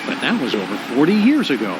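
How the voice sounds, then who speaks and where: A man voicing a polite, deadpan, unflappable dog detective in a cartoon video game. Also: mid-range voice, fast talker, background noise. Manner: deadpan, courteous.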